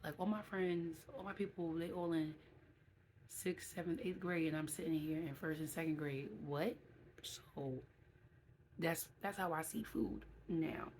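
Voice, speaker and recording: A woman's voice: deep voice, steady tone, a little slow, a little mellow, slight background noise. A woman in her late thirties giving a casual vlog update, chatty and reading from her own notes with asides. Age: 30s. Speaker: vlogger.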